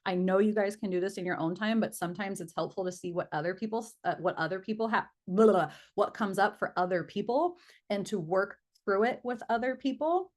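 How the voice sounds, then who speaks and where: A woman's voice: medium pitch, fairly quick, darkish tone. A woman sales coach leading a live online training session in a casual, chatty way, acting out how clients react.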